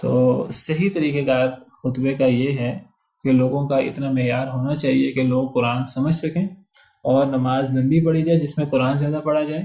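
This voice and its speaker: A man's voice: mid-range voice, level tone, creaky, mellow, reverberant. A man teaching a religious lecture. He reads short Arabic passages and explains each word in turn. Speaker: hadith teacher.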